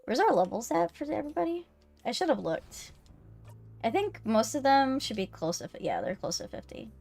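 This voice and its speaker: Female streamer, higher register, relaxed conversational game chat, light music underneath. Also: moderate pace, gravelly. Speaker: live streamer, host.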